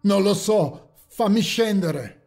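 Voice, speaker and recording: A man plays a terrified young man in a horror audio story, pleading and stammering in a husky, mellow voice. Faint dark ambient music sits under him. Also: fairly high pitch, takes it slowly. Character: terrified young man praying for his life.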